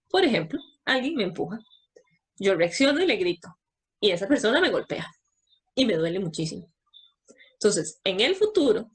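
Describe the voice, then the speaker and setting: A woman's voice: mid-range voice, slightly rough. A woman giving a talk to parents, explaining step by step and answering her own questions.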